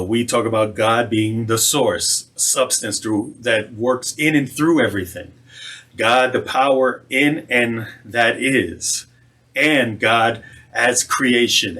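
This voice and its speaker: Unhurried reverend giving a sermon. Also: male voice, medium pitch, fairly bright tone. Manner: conversational, slows for emphasis.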